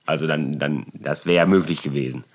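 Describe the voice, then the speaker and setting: A man telling a work story in casual chat, animated and exasperated, with many restarts and tag questions. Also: a bass voice, fairly quick.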